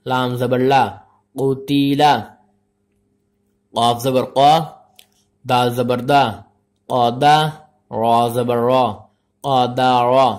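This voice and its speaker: A man teaching Quran reading, slowly spelling out letters and vowel marks, then blending the syllables in a measured, drawn-out way. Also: medium pitch, darkish tone. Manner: addresses learners as friends. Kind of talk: spelling-out recitation lesson.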